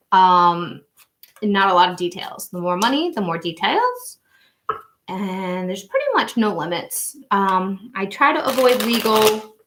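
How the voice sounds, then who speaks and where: A woman's voice: medium pitch, fairly bright tone, a little hiss or hum. A woman, hosting a casual tarot livestream in a rambling, chatty way with frequent laughs. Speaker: tarot reader and channel host.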